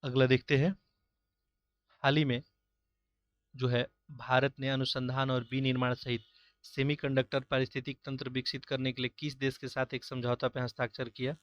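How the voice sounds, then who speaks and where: A man takes his students through a practice test question by question, keeping his delivery steady and explanatory. His voice stays at a middling pitch with very little rise and fall. The sound is close and dry, with no room around it. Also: moderate pace, no room sound, dull audio. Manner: steady, explanatory, repeats filler "jo hai". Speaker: exam-prep teacher. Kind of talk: going through mock-test answers.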